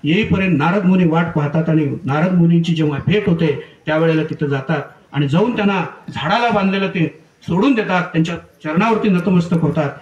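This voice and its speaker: A man with a high voice narrates a devotional tale in an earnest, dramatic way. His voice echoes around a big gathering hall and is heard from a distance. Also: fairly quick, muffled recording. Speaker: religious storyteller. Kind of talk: devotional storytelling. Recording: echoey room heard from far off.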